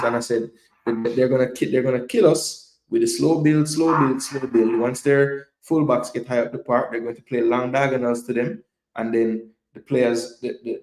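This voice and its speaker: A man's voice: mid-range voice, darkish tone. A man breaks down football tactics on his live stream, hammering his points home by repeating them. His voice sits in a middle range. The sound carries the echo of the room around him. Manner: passionate, emphatic, repeats points. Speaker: host of a live football show. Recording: echoey room.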